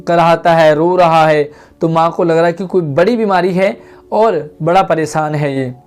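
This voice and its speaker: A man's voice: fairly high pitch, normal speed, clean tone, faint music behind. A man teaching a Hindi lesson to schoolchildren, patiently reading lines of a play aloud and then explaining them.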